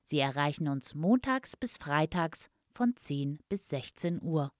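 A woman speaks in a slightly low, dry-sounding customer service voice. She delivers a scripted phone announcement politely and formally, like a company answering machine greeting. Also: animated, measured pace, dry recording.

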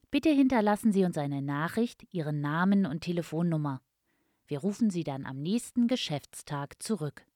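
A woman's voice: fairly low pitch, a little mellow, dry recording, clean studio sound. A woman in a polite, formal customer service voice, reading a scripted answering machine announcement. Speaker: phone announcement voice.

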